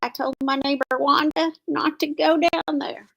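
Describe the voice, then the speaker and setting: Old gossiping church lady, shrill and scandalized, put on by a man. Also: flat delivery, moderate pace, vocal fry, pushed and bright, heavily acted, low-quality recording.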